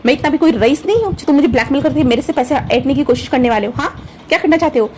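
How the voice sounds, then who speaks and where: A woman's voice: sits high, expressive, racing, slight background noise. A woman voicing a feisty, hot-tempered young male office worker who fires off scolding questions in a fan fiction story. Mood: angry. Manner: snappy scolding questions, shouting.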